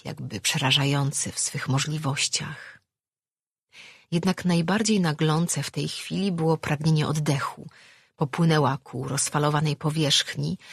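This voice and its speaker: Low husky lady reading an audiobook, dry close studio sound. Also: dry recording. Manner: steady, measured storytelling. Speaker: audiobook narrator. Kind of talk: scripted narration.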